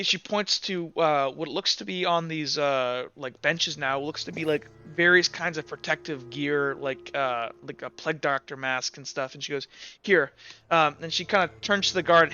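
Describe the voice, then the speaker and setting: A man whose voice is on the high side, pushed and bright, improvises narration as a tabletop game master. He speaks in hesitant, piecemeal bursts full of fillers. The audio is dull, with faint music playing in the background.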